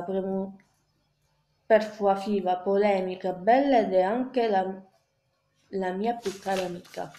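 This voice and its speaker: A woman's voice: medium pitch, warm tone. A woman reading a first-person novel aloud, stumbling and restarting words often, in an echoey room. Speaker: amateur reader.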